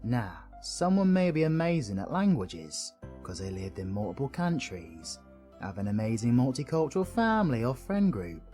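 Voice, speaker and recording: Speaking to the listener in a scripted audio roleplay, a British man voices a cheeky but kind-hearted supervillain who is chummy, slangy and reassuring and swears mildly now and then. His natural, mid-range voice is dark-toned and sing-song at normal speed, with a gentle mood and faint background music.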